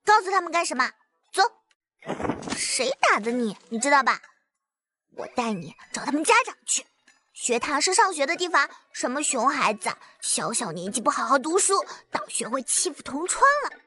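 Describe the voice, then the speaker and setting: A woman's voice: high voice, big pitch swings, moderate pace, bright, forceful tone, heavily acted. A woman voicing a bossy, fierce little girl who scolds indignantly in an audio drama.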